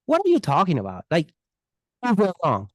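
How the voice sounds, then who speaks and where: An immigration attorney with a thick foreign accent answers unscripted podcast questions as an expert guest, earnest and emphatic, often repeating his phrases. His voice runs on the high side with huge pitch swings and a slightly fast pace. It's studio quality with no room sound.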